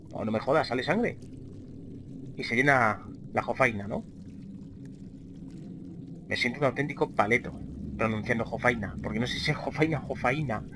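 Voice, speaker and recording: A man's voice: medium pitch, background noise. A man with a Spain Spanish accent giving casual let's play commentary, chatting freely with his viewers and swearing often. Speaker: gaming channel host.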